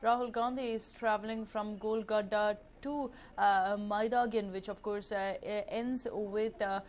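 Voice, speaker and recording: A woman with an Indian English accent gives live news commentary as a TV reporter, improvising with frequent hesitant, drawn-out pauses. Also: medium pitch, steady tone. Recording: clearly noisy live broadcast ambience.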